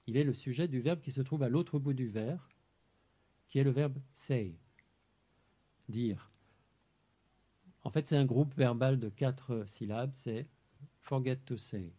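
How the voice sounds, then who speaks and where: Husky, mellow-voiced man explaining slowly. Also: medium pitch. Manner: measured, explanatory, pausing over single words. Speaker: translator presenting his work. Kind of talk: talk on translating poetry. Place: amphitheater.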